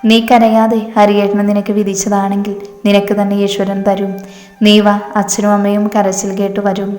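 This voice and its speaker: A woman voicing a gentle young woman consoling her crying sister. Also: mid-range voice, completely flat delivery, normal speed, echoey room, soft background music, close to an everyday voice.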